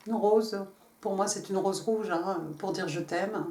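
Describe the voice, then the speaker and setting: A woman's voice: mid-range voice, measured pace, warm tone. A woman giving a casual tarot reading, chatty, stumbling over and repeating words and laughing at herself. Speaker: tarot reader. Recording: roomy, mic at a distance, faint noise.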